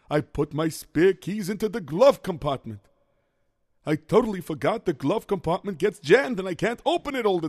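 A man's voice: high-pitched, no room sound, clean studio sound. A man playing a bumbling handyman who talks himself through every mishap, with Yiddish exclamations scattered through his muttering. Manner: rambling self-talk, sprinkled with Yiddish exclamations. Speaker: lunch driver. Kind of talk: children's comedy sketch.

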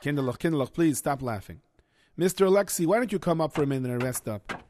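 A man's voice: on the high side, animated, fast talker, a little mellow, natural voice. A man playing a teacher who speaks patiently to a class of children. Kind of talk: children's comedy sketch.

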